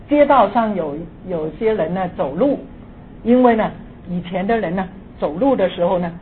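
A woman in her sixties telling a personal ghost story, moving between hushed and excited. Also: medium pitch. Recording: tinny phone-like audio with faint hiss.

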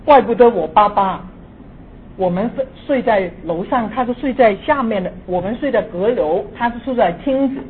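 A woman in her sixties telling a personal ghost story, moving between hushed and excited. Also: on the high side, normal speed. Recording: tinny phone-like audio with faint hiss.

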